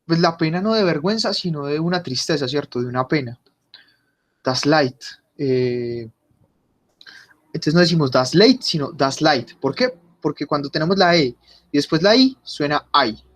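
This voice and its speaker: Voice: mid-range voice, moderate pace. A teacher, patiently explaining German pronunciation in an online class and repeating words for the students. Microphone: computer mic on a video call.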